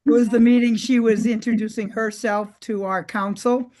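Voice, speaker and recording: A woman representing a neighborhood council, giving a spontaneous update at a meeting with halting, circling explanations. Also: on the high side, fairly even intonation, warm tone.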